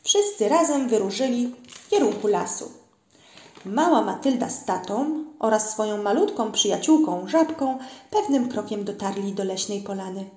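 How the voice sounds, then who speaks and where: A woman narrating a children's storybook in a gentle storytelling manner, in a roomy-sounding recording. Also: mid-range voice, animated, moderate pace. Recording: roomy echo.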